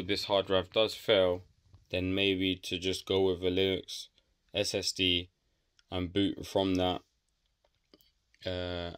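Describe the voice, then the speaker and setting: A man's voice: low-pitched, fairly bright tone, smooth, dry recording, clean studio sound. A man narrating a home computer repair casually, rambling and thinking aloud with self-deprecating remarks. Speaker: DIY tech vlogger.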